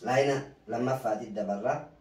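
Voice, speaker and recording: A male Quran reading teacher who slowly chants Arabic syllables one by one, then drops into quick, low explanations. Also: darkish tone. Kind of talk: spelling out Arabic letters in a slow chant, then explaining in Oromo. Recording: echoey room, voice somewhat far from the mic.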